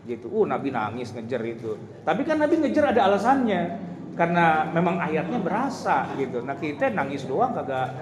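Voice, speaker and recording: A man's voice: on the high side, sing-song, normal speed, crowd noise. A man giving an informal religious lecture, chatty and humorous, often laughing and addressing his audience directly. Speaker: Islamic preacher. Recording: echoey hall with loud ambient noise.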